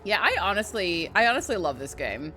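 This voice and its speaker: A woman's voice: on the low side, sing-song, fairly quick, sharp tone, soft background music. Chatty woman streamer with wry asides. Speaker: let's play streamer. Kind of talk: casual gameplay commentary.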